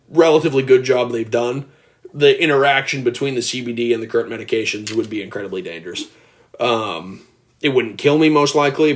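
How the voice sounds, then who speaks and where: Talking into a phone indoors at home, an early-twenties livestream host speaks earnestly and at length in a medium-pitched voice. He reads viewer comments aloud during the casual stream, and his voice grows gravelly at times.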